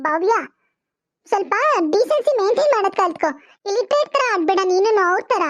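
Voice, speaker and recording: A woman's voice: very high-pitched, expressive, fairly quick, dry recording, muffled recording. A woman voicing a snobbish young city woman who talks in a haughty, scolding manner in a cartoon. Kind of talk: cartoon voice acting.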